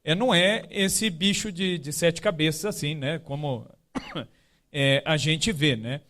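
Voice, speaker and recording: High-voiced man telling stories in a talk. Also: takes it slowly, a bit bright. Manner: conversational, many tag questions. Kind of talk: storytelling talk to a live group.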